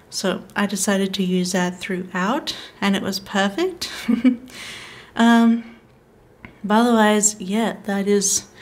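Young woman, casual planner voice-over, chatty, rambling, soft laughs. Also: mid-range voice. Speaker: planner vlogger.

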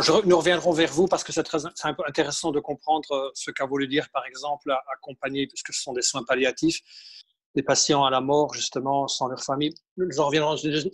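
A man in his forties moderating a panel in a large hall before an audience, on a headset mic, speaking in a measured, slightly halting way. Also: a little high.

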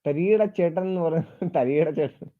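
A man's voice: a little high, moderate pace, no echo. Chatty man hosting a live stream. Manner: chatty, greets viewers by name, teasing. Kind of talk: casual live chat reading viewer comments. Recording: dry, slightly dull sound.

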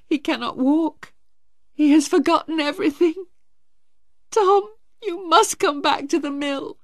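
A woman reading a storybook voicing a distraught teenage girl, high and tearful. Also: a little slow, dry recording, clean studio sound.

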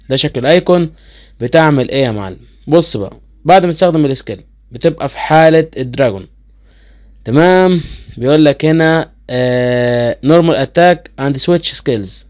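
Here a gaming channel host with an Egyptian Arabic accent talks casually to his viewers about game skills. His voice sits on the high side with a darkish tone, and he is quick to sound incredulous.

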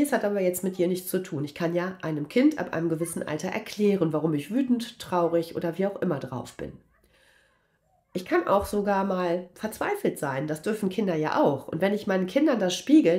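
A woman coach giving a frank, opinionated solo monologue with lively emphasis. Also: medium pitch. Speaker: awareness coach.

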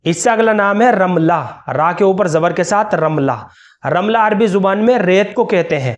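Male cleric, higher-pitched voice, patient lesson delivery spelling out names slowly. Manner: slow, careful spelling-out of names. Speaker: Islamic scholar. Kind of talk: religious instructional talk.

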